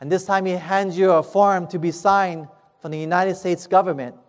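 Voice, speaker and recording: High-voiced preacher in an echoey hall. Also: male voice, steady tone. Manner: dramatic, emphatic, slowing for weight. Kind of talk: sermon storytelling.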